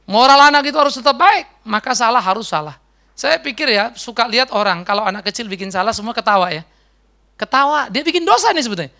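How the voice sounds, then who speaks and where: Animated, gravelly-voiced male preacher. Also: very high voice. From Indonesia. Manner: conversational, animated storytelling with mimicked voices. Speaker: pastor. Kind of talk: sermon.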